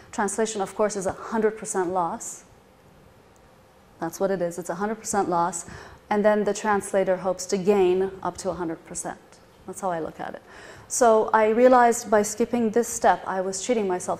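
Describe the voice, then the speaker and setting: A middle-aged woman who translates Persian, born in London and partly raised in Iran, speaks to a live audience at a reading event. Her mid-range voice has a darkish tone, and her talk is thoughtful and explanatory, frequently broken by uh and um.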